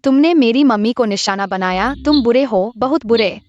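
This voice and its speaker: A woman's voice: fairly high pitch, normal speed, lo-fi sound, faint music behind, natural voice. A woman dubbing a fierce little girl who is protective of her mother, in a childlike, indignant voice. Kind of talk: Hindi dubbing of a drama. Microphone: dry close studio mic.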